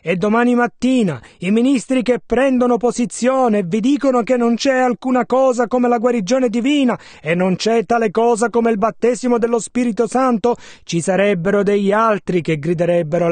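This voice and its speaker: A man voicing a translation of a sermon in measured, steady phrases. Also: very high-pitched, no room sound. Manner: steady, measured rendering of each passage. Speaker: sermon interpreter.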